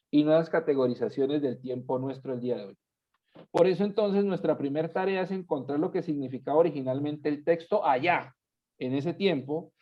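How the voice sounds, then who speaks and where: A man giving a classroom lecture to students, animated, repeating words and asking rhetorical questions, in a dull lo-fi recording. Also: a little high. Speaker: Bible teacher.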